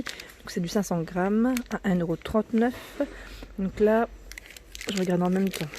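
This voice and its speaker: A woman with a warm, medium-pitched voice shows new products while walking a store aisle for a casual vlog, with slight background noise. It's early morning and her voice cracks; she's chatty, keeps correcting herself, and occasionally goes near a whisper.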